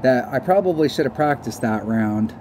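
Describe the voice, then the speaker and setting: A man's voice: mid-range voice, expressive, normal speed, darkish tone, a little hiss or hum. A man hosting a casual gaming video, rambling and joking in a crude way with a friend. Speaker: host.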